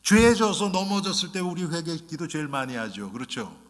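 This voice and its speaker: A man's voice: a little high, very animated, brisk. A male pastor preaching a sermon in a conversational way, often turning to the congregation and acting out short quoted lines. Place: church sanctuary. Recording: long reverb of a church sanctuary.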